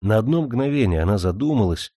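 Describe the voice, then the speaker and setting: A man reading a novel aloud as an audiobook narrator, in a steady, descriptive manner. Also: on the low side, a little fast, no echo, studio quality.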